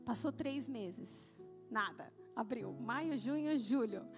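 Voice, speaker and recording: A woman with a Brazilian Portuguese accent giving a sermon testimony in a church service, telling her story in an animated way and acting out the dialogue. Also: a little high, slow pace, faint music behind. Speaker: church speaker.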